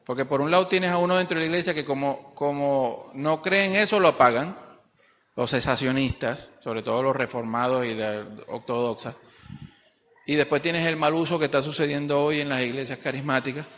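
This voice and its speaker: A man preaching a sermon at a church service, animated, acting out quoted dialogue and sometimes pausing to search for words. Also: medium pitch. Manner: searching for words mid-sentence. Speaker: pastor. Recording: long reverb of a church hall.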